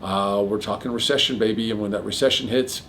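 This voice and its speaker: A middle-aged man hosting a casual chat about mortgages, explaining figures quickly with a jokey manner. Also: on the low side, steady tone, a bit bright, a little hiss or hum. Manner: rapid, jokey, piles on figures. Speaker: mortgage broker host.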